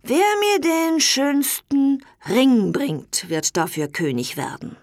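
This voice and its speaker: A woman's voice: big pitch swings, a little mellow, no echo, studio quality, exaggerated voice. A woman voicing an old, weak and kindly king and father from a fairy tale, drawing out his words in a raised voice. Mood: weary. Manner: slow, drawn-out, raised pitch.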